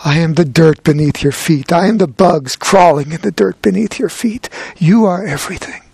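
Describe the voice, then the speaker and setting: A man's voice: a little high, normal speed, creaky, darkish tone, husky, no room sound. A man acting out a famous rabbi who prostrates himself in solemn, self-abasing prayer. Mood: humble.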